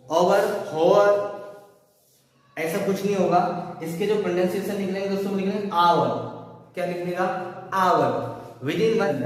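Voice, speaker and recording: A man's voice: sits high, darkish tone. A man teaching an English grammar lesson, explaining step by step and asking the class questions that he answers himself. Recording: echoey room picked up from far off.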